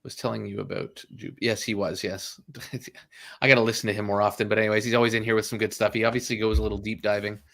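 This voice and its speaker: A low, gravelly man hosts a casual livestream. He rambles with lots of fillers and quick apologies, and he laughs easily. His voice sits deep and crackles with fry throughout. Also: level tone, fairly bright tone. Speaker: livestream host.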